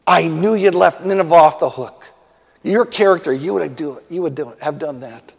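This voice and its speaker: A man's voice: on the high side, normal speed, creaky, husky. A man voicing an angry, defiant male prophet who rants that he would rather die than serve. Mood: resentful. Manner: ranting, indignant. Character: furious sulking male prophet, whiny and defiant. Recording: long hall reverb.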